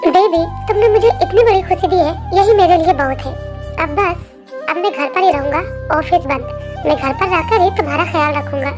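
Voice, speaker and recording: A woman's voice: very high-pitched, moderate pace. Woman voicing a bossy, doting young husband. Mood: excited, doting. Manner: bossy, scolding, then doting. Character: young husband, possessive, quick-tempered and doting. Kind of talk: fan story narration. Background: faint music.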